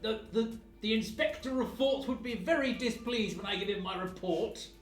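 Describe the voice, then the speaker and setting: A man's voice: high voice, normal speed, pitched above the performer's own voice, close to an everyday voice. A man voicing an indignant, officious inspector of forts in a pompous, declaiming way for a tabletop game. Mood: haughty indignation. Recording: echoey room with faint music.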